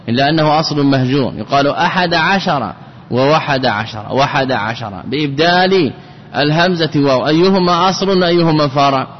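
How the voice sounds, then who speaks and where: A man teaching grammar in a recorded lesson, repeating key words slowly so the class can follow. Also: a little high. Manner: repeats words and phrases slowly to drill them. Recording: dull lo-fi recording with long reverb and faint hum.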